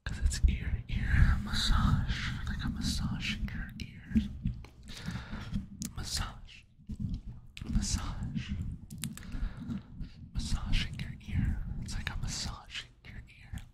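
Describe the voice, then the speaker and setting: Young guy doing whispered asmr right up on the mic, in your ear, bit sick, repeats words slowly. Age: young adult. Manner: whispers close into the ear, slow repetition of words. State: sick with a runny nose. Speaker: ASMR creator. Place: small indoor room at home. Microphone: desk condenser microphone at the lips.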